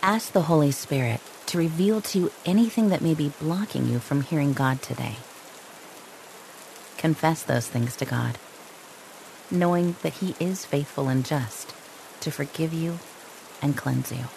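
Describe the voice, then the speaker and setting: Soft, slow-spoken woman guiding meditation. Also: deep voice, vocal fry, a little hiss or hum. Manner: slow, soft and calming, with long pauses. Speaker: meditation guide.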